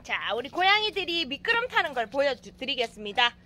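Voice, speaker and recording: Bright high-pitched woman coaxing cats. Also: very animated, fairly quick. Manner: sing-song coaxing calls to cats. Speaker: animal cafe owner showing her cats. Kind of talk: casual vlog narration to viewers. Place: outdoor yard with lawn.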